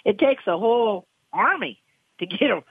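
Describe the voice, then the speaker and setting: A woman's voice: normal speed, breathy edge, dry recording. A woman racehorse trainer in a phone interview, talking in an emotional, rambling way. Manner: emotional, rambling, voice jumps high when excited. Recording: tinny dry phone line.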